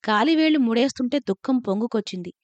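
A woman reading a first-person story aloud in a calm, measured narration. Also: on the high side, no echo.

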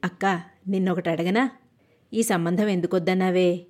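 A woman's voice: fairly low pitch, fairly even intonation, moderate pace, darkish tone, lightly acted. Hesitant, mumbling young brother, read by a woman narrator, audiobook.

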